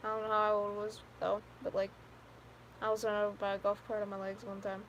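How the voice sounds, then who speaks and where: With slight background noise behind her, a fifteen-year-old girl talks fast and monotone at medium pitch. She's casually chatting on a live stream, giggling and rambling through stories loaded with fillers and "like."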